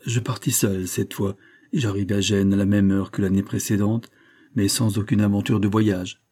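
A man narrating a classic story as an audiobook in a measured literary manner. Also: lowish voice, steady tone, warm tone.

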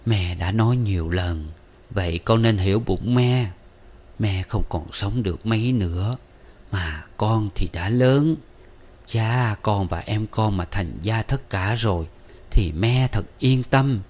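Man doing a frail old mother, slow and pleading. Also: lowish voice, a little mellow. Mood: sorrowful.

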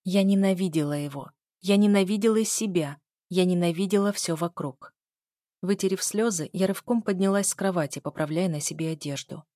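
A woman's voice: on the low side, a little fast, warm tone, dry recording, studio quality. A woman narrating a first-person novel aloud in a tense, emotional reading. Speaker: audiobook narrator.

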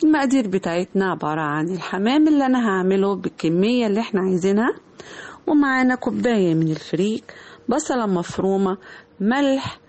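A woman's voice: medium pitch, lively intonation, quick pace, darkish tone. Egyptian woman reading a radio recipe. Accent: Egyptian Arabic. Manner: friendly, modest, step-by-step. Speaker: radio cooking segment host. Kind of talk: recipe instructions.

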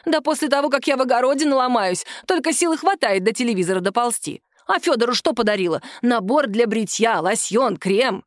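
Женщина озвучивает ворчливую деревенскую мать средних лет, которая насмешливо и сердито жалуется. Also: female voice, a little high, lively intonation, a little fast, few pauses, no echo, clean studio sound, natural voice. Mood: ворчливо. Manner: complaining, scornful. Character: grumbling middle-aged village woman, mother.

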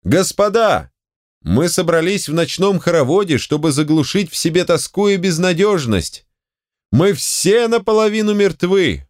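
A man's voice: high-pitched, sing-song, normal speed, no room sound, pitched above the performer's own voice. A hook-nosed speaker, put on by a male narrator, cries out his grim speech in a raised voice. He declaims rather than talks. The recording is dry and close. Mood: despairing. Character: hook-nosed man crying out in despair.

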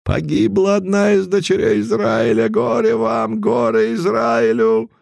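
A fanatical old accuser in an audiobook, solemn and then shrieking, put on by a man. The voice is pushed very high over a gravelly edge. It sounds dry and close to the mic. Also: flat delivery, unhurried, darkish tone, no room sound, heavily acted. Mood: wailing. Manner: solemn, shrill outbursts.

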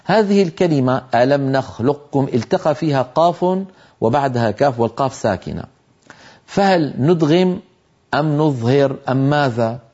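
A man teaching a tajweed lesson on Quran recitation, explaining patiently and slowly sounding out example syllables. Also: medium pitch, expressive, dark tone, highs cut off.

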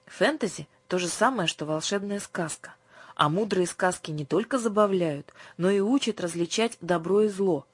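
A woman reading an audiobook, voicing an earnest young male seminary student who sells books and speaks in a gently instructive way. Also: fairly low pitch, moderate pace, slightly rough, no room sound. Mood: lecturing.

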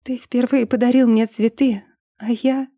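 A woman voicing a playful, stubborn young female vampire who is an art student, in a higher, teasing voice. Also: steady tone, measured pace, mellow, no echo, clean studio sound. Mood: tearful.

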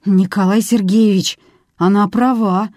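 A woman's voice: medium pitch, fairly even intonation, measured pace, darkish tone, no room sound, clean studio sound, voice pushed up, close to an everyday voice. A woman reading the part of a polite, earnest young male policeman who keeps apologizing. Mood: pleading.

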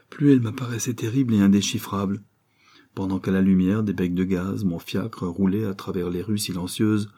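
A man narrating a classic novel as an audiobook, reading in a measured, descriptive way. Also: fairly low pitch, warm tone, breathy edge. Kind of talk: scripted literary narration.

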